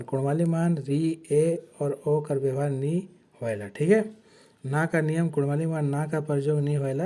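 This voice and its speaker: A man's voice: medium pitch, warm tone. A man teaching an exam-prep lesson, explaining terms from a slide and often correcting himself.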